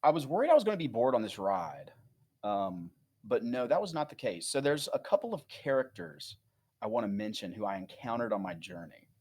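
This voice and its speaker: Casting note: podcast co-host, man, mid-pitched, animated storyteller who swears casually. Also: fairly quick. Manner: animated, rambling anecdotes with swearing.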